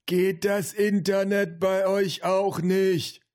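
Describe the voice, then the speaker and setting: Ein Mann liest ein Hörbuch und spricht einen alten Opa, der langsam aus einem anderen Zimmer ruft. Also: male voice, high voice, little pitch movement, takes it slowly, darkish tone, pitched above the performer's own voice. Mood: rufend. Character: alter Opa, ruft aus dem Gästezimmer.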